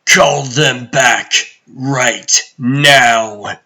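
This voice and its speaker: A man's voice: medium pitch, extremely slow, sharp tone, exaggerated voice. A man voicing an imperious, menacing god-emperor tyrant in a comic dub, grandiose and commanding in his delivery. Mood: cold, menacing. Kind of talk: theatrical comic-dub villain acting.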